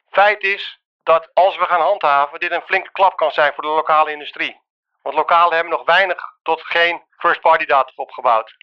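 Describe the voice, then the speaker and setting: A man's voice: high-pitched, smooth. A man leaving a voicemail message, heard played back over a phone line, reading out a news report in a businesslike manner. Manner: businesslike, reads a report aloud. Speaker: caller. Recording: dull lo-fi phone playback.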